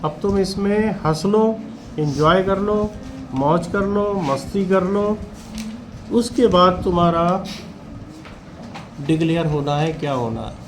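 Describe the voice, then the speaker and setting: A high-voiced male teacher talks slowly and unhurriedly in a classroom, keeping watch over students during a test. He coaxes them gently and calls them by name, and a faint hum of the room stays in the background. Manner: calm, coaxing, addresses students by name.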